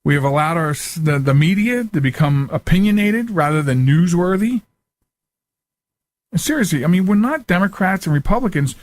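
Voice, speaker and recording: This US podcast host has a high-pitched voice with lively intonation, speaking at a normal pace on a clean recording without echo. His unscripted, casual talk is earnest and emphatic, and he frequently says things more than once.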